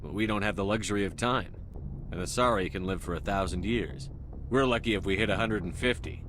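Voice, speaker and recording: An actor playing a resolute, plain-spoken military starship commander in a video game, with a terse, direct manner. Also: male voice, low voice, brisk, noisy background, close to an everyday voice. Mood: calm, frank. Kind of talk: video game dialogue acting. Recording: music behind the voice.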